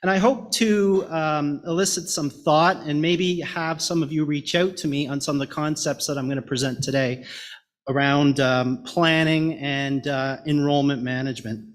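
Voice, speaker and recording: A middle-aged man with a Canadian Maritimer accent delivers a prepared presentation. His voice sits a little higher than usual for a man, and he moves through his points in a measured, orderly way. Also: steady tone. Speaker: education director, presenter.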